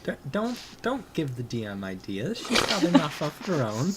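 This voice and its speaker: A man's voice: on the high side, huge pitch swings, moderate pace, heavy background noise. A man playing a tabletop game, eager and stumbling over his words in casual chat. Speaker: player.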